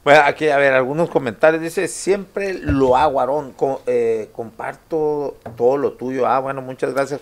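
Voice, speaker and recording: A man hosting a live talk show, reading viewer comments aloud in a casual, joking way. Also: medium pitch. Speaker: host.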